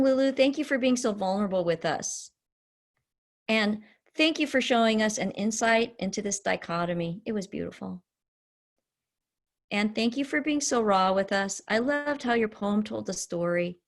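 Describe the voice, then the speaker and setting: On a video call, a woman hosts a student symposium session, speaking casually and encouragingly and gushing with effusive praise. Her medium-pitched voice is animated, and she keeps a moderate pace.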